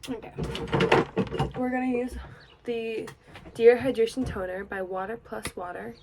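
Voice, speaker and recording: A young woman chatting casually while getting ready, sleepy and rambling, sometimes dropping to a soft murmur. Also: a little high, measured pace, a little hiss or hum. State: sleepy, yawning. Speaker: beauty vlogger. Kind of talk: casual get-ready-with-me chat.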